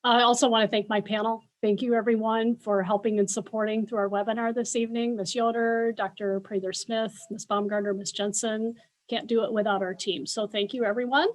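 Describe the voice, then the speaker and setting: An American woman hosting an informational webinar as a school official, speaking in a measured way with pauses for an interpreter. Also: fairly high pitch, flat delivery, poor audio.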